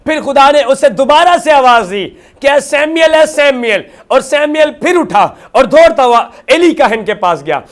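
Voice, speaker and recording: Male TV pastor with a very high voice, preaching in a repetitive, emphatic cadence. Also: lively intonation, normal speed, few pauses. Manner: mixes English words into Hindustani speech. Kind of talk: televised sermon.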